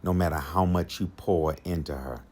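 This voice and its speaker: A low-pitched man with a somewhat dark tone hosts a podcast, speaking at normal speed over a slight hiss or hum. He gives dating advice in an easygoing monologue, repeating important lines and chuckling to himself.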